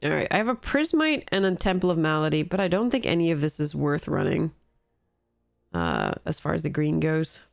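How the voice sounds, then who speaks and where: A woman's voice: deep voice, big pitch swings, fairly quick, vocal fry, no room sound, clean studio sound, soft background music. A woman with a congested, stuffy nose, commentating casually and wryly on a game as she streams.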